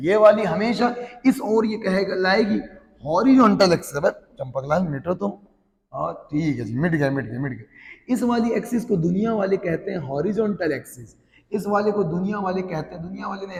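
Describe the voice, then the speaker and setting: A man's voice: high-pitched, vocal fry, darkish tone, reverberant, big-room sound. A man teaching a physics class, answering his own playful questions in a call-and-response way. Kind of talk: classroom lecture.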